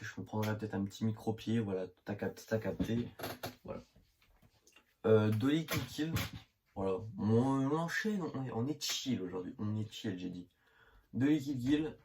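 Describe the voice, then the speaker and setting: A man's voice: on the low side, a little mellow. Young northern French man, slangy rambling. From northern France. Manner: rambling with many fillers and slang. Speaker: manga vlogger. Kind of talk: casual video chat about his manga collection. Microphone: phone camera. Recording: phone recording with faint hiss.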